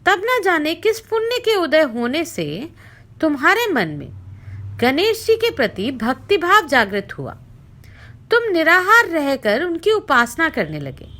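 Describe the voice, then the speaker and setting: Reading a scripture story as narrator, this woman recites with expression, lowering her voice when speaking to the king. Her pace is a little slow.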